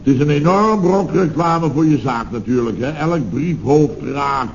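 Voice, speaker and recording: An actor playing a rambling, nostalgic middle-aged building contractor in a 1960s radio comedy, hesitant and full of tag questions. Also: male voice, fairly high pitch, expressive, a little slow. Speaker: contractor boss. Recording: dull old radio recording with faint hiss.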